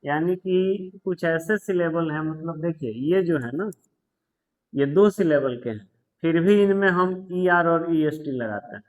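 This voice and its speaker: Guy teaching grammar, slow and patient, bit higher voice, spells stuff out. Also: low-quality recording. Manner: patient, repeats words and spells them out letter by letter; tells students to pause the video and write notes. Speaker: English teacher. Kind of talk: slow explanatory grammar lesson.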